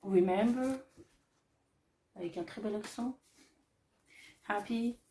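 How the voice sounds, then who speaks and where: A woman vlogger casually showing off her craft shopping haul, chatty and hesitant, often pausing on fillers as she describes each item. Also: mid-range voice, fairly even intonation, warm tone, recorded from a distance. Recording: echoey room, voice off-mic.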